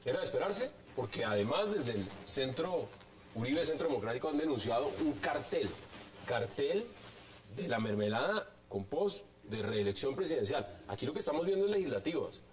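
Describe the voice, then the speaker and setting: A man hosting a televised debate, introducing guests and putting brisk, pointed questions to them. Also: mid-range voice, big pitch swings, slight background noise. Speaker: TV host and moderator. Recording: voice a bit far from the mic.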